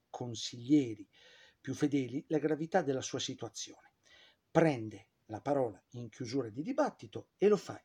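A man's voice: medium pitch, darkish tone, husky. A man telling history in an informal, chatty way, with frequent fillers and sarcastic asides. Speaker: history presenter.

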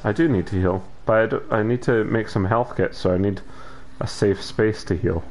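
A man chatting casually while playing a co-op video game, with a hesitant, low-key way of talking. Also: steady tone, moderate pace, slight background noise. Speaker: gamer playing co-op. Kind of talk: casual gameplay chat.

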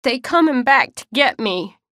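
A woman's voice: a little high, animated, measured pace, fairly bright tone, dry recording, clean studio sound, pitched above the performer's own voice. A woman voicing a defiant seven-year-old girl who wails and whines through tears, in an audiobook. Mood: tearful. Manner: wailing, whining.

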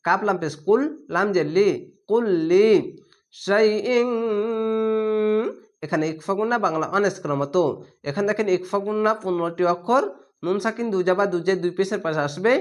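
A high-voiced man gives a Quran reading lesson. He breaks each word into its letters and syllables, then draws the whole word out in a slow chant before going back to plain explanation. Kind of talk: spelling-out recitation lesson.

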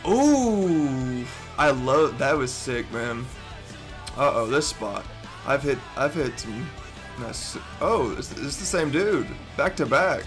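Over music, this YouTuber in his twenties talks slowly at medium pitch, his hoarse voice nearly gone, while reacting to a gaming montage. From his bedroom, wearing an over-ear headset, he gets excitable, curses a lot, stammers and laughs.

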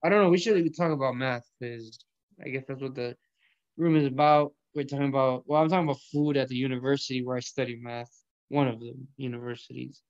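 A man's voice: medium pitch, fairly even intonation, fairly quick, no room sound, muffled recording. A young man from Colombia hosting an online audio room, chatting casually about food and math in loose slang peppered with swearing. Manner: laid-back, profane slang with bro and yo. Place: small indoor room.

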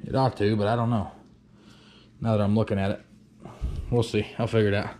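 Low-voiced man, plainspoken shop vlogger, thinks aloud and curses a bit; faint background noise. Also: level tone, brisk, a little mellow. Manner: plainspoken, thinks aloud with fillers and mild cursing. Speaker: woodworker filming his shop. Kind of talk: casual workshop vlog narration. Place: woodworking shop.

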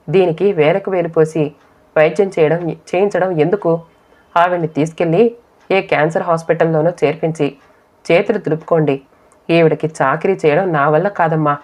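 A woman's voice: deep voice, darkish tone. A woman voicing a sick, sorrowful elderly mother who pleads tearfully in an audiobook reading. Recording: dull lo-fi audio.

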